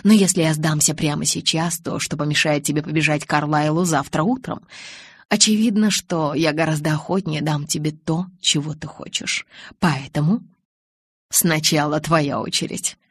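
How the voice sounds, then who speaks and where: A woman reading an audiobook, voicing a calm, teasing young male vampire who speaks slowly and softly. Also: husky, dry recording. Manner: slow, low, soft-spoken.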